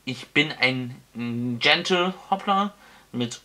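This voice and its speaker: Guy doing a fussy little hobbit-type homeowner, stiffly polite and flustered, slow, bright tone. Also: on the high side, lively intonation, pitched above the performer's own voice, heavily acted. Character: small, fussy, flustered male Hobnix homeowner. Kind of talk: audiobook character voice.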